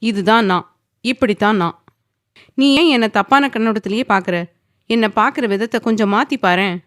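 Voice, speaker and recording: A woman's voice: fairly high pitch, moderate pace, no room sound, studio quality, voice pushed up, close to an everyday voice. A woman voicing a domineering, possessive young man who speaks firmly and commandingly, sometimes teasing.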